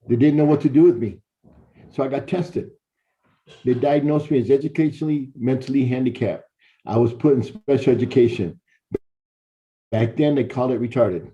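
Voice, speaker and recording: A middle-aged university professor from Chicago, Illinois, with a medium-pitched, dark voice tells students his life story in a conversational lecture, repeating words, restarting, and addressing them directly. The recording is dull and lo-fi.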